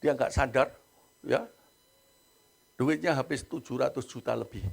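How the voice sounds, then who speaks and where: Male preacher, gravelly and husky, lively storyteller. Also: medium pitch, a little slow. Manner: animated storytelling, acts out quoted voices. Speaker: pastor. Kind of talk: sermon.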